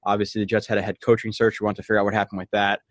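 New guy cohosting a football podcast, talks quick, dry close mic. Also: lowish voice, little pitch movement, no echo. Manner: fast, loose, with fillers and frequent laughs. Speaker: podcast co-host. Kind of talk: casual film-breakdown chat.

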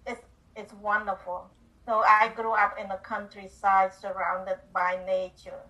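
An older woman from Cambodia recounts her past in an interview with earnest, simple phrasing and small slips of grammar. Her voice is bright and clear. She sits a little away from the microphone. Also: mid-range voice, flat delivery, unhurried, far from the mic, poor audio. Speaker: guest, author and speaker. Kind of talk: telling her life story in an interview.

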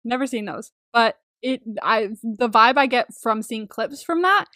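Young woman podcast host, gushy n sweary, says like a lot, higher pitch, dry sound. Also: unhurried, no echo. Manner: gushing, excitable, swears freely; rambling, peppered with "like". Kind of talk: casual chat about a TV series.

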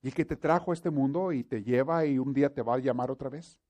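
A man's voice: medium pitch, quick pace, mellow, muffled recording, natural voice. A man preaching a sermon gives voice to God, a mighty, commanding male divine presence who talks in solemn, proclaiming phrases and keeps repeating one name.

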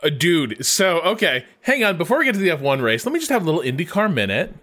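A man co-hosting a motorsport podcast tells stories in a casual, excited way, acting out what people said. His voice sits on the high side and he talks fast.

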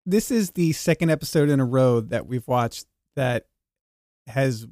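A man's voice: mid-range voice, expressive, a little slow, a little mellow, no echo, clean studio sound. A man co-hosting a podcast who chimes in with short corrections and asides and laughs often. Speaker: podcast co-host. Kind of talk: casual chat.

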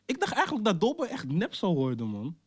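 Laid-back jonge man, straattaal, relaxed. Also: fairly quick, breathy edge, no room sound, clean studio sound. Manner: slangy, laid-back, trails off low. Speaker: podcast co-host. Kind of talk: casual chat about music.

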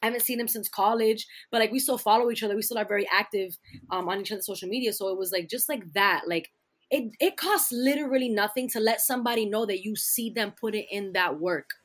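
A woman's voice: mid-range voice, fast. A woman podcast co-host, chatting casually and slangily with bits of Spanish. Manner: slangy, sprinkles in Spanish phrases. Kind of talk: casual chat.

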